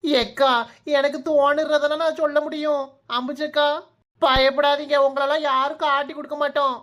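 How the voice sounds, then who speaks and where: A woman with a Kanyakumari Tamil accent voicing village cartoon characters in a blunt, deadpan way. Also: high voice, normal speed. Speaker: cartoon voice artist.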